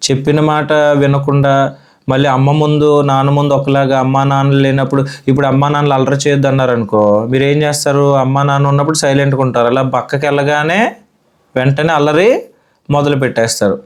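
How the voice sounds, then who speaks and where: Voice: medium pitch, fairly even intonation, fast talker, clean tone. Sunday school teacher quizzing children. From India. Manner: asks children questions and repeats their answers. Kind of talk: children's Bible lesson. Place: church Sunday school room.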